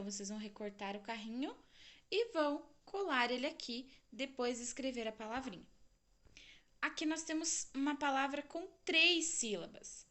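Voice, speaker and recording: A primary school teacher with a Brazilian Portuguese accent records a lesson for young children, stretching out syllables and asking the class questions. Her voice is high-pitched and bright, with a forceful tone.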